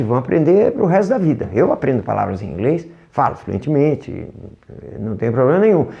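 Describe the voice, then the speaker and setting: An English teacher with a Brazilian Portuguese accent gives an animated online lesson, posing rhetorical questions and demonstrating sounds. Her voice is mid-range and gravelly, and the sound is lo-fi.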